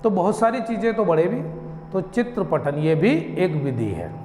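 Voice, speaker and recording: Male lecturer, high voice, slow deliberate delivery, roomy reverb with faint ambience. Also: very animated, darkish tone, slight background noise. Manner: slow, deliberate, drawn-out syllables, rhetorical questions. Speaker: teacher. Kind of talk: classroom lecture. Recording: echoey room, faint ambience.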